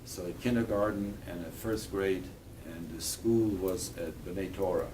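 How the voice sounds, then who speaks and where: In a school room, a deep-voiced older guest speaker from Poland, a native Polish speaker, talks with schoolchildren and takes their questions. His earnest delivery is halting, full of restarted phrases, and captured on a distant mic with background noise.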